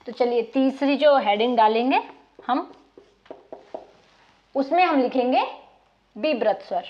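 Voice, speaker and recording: Slow high-voiced woman teaching. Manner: repeats words slowly for note-taking, asks pupils questions. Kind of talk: slow dictation-style classroom lesson. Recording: muffled lo-fi recording.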